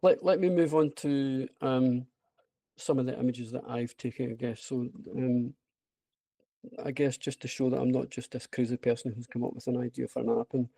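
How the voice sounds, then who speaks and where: Gravelly, mellow Scottish man presenting. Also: mid-range voice, steady tone, moderate pace, dry recording. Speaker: presenter, app creator. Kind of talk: informal online presentation. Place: remote online video call with screen share.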